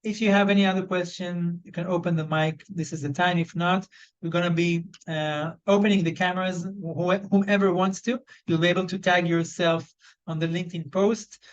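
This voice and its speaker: A man with an Israeli accent leads a live online job search training over a video call, his fairly high voice coming through muffled. He speaks at a moderate pace with fairly even intonation, talking loosely and conversationally with many fillers and restarts.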